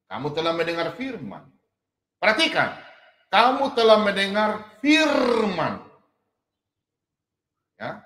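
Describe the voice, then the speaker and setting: A man giving casual online Bible teaching, joking and poking fun at himself, and reading verses slowly and drawn out. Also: on the high side. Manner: animated, joking, self-mocking. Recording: echoey room with long reverb.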